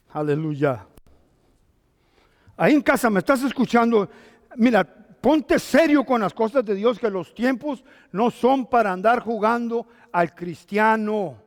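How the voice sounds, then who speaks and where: A male pastor, preaching a lively sermon full of rhetorical questions and jokes. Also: very high voice. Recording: reverberant hall.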